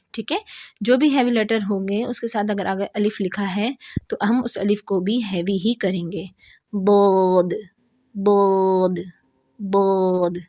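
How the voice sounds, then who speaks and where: A woman with a Pakistani Urdu accent teaching Quran letter pronunciation. She speaks patiently and repeats each sound slowly several times. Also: medium pitch, no room sound, clean studio sound. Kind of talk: recorded lesson.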